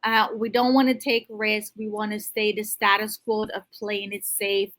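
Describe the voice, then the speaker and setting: A woman's voice: medium pitch, flat delivery, normal speed, a bit bright. A woman in natural, unscripted interview talk, giving emphatic, motivational advice straight to the listener as a financial coach. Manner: natural unscripted talk, restarts mid-thought.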